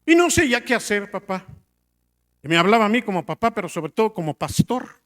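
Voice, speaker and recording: A middle-aged man preaching a sermon to a congregation, asking rhetorical questions and swinging between loud emphatic lines and quiet drops. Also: sits high, big pitch swings, brisk.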